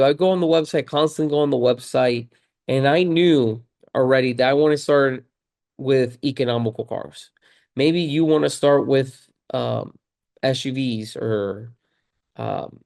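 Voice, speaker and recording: Key points get repeated for emphasis as a car rental host and video creator explains a tutorial in a relaxed, conversational way. He sounds a little hoarse because of a cold, with a darkish tone in a mid-range voice.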